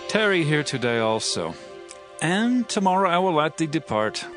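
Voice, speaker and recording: King David, regal and lively. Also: on the high side, normal speed. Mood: commanding. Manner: regal, commanding, archaic speech. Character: King David, commanding male ruler. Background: music.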